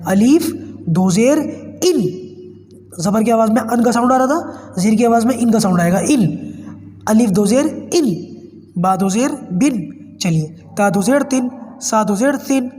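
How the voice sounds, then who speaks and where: Male Quran teacher, Pakistani Urdu accent, has a cold, high voice, reverberant room. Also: animated, a little mellow. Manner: patient, slow spelling-out drills. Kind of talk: online class lesson.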